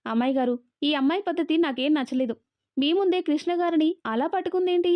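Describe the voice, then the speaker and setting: A woman's voice: high voice, a little fast, no echo, natural voice. A woman voicing a loyal, outspoken housemaid who is respectful but blunt. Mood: disapproving. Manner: deferential yet blunt. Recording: dull, dry lo-fi audio.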